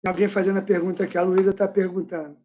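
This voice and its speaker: A man's voice: sits high, little pitch movement, rapid-fire, warm tone, highs cut off. A male pastor leading an informal Bible study question-and-answer session over a video call from home, talking in a casual, slangy, conversational way.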